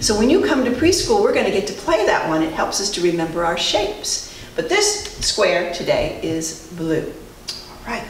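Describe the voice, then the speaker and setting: A woman's voice: mid-range voice, very animated, normal speed. An older woman, around her sixties, chatting and explaining simply to young children as a preschool teacher. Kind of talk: video lesson for young children. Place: indoor classroom. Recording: roomy, distant mic, some background noise.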